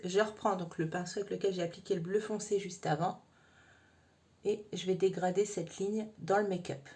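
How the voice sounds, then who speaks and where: A woman narrates her makeup tutorial step by step. She talks to the viewer in a friendly, informal way and keeps tagging her sentences with little asides. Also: medium pitch. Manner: chatty, addresses viewer informally with frequent "hein". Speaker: makeup vlogger.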